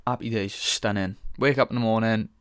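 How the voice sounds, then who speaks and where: A man's voice: fairly low pitch, fairly even intonation, fairly quick, a bit bright, clean tone, no echo, clean studio sound. A young man hosting a casual solo podcast, rambling frankly with lots of swearing, fillers and restarts as he thinks aloud. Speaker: podcast host.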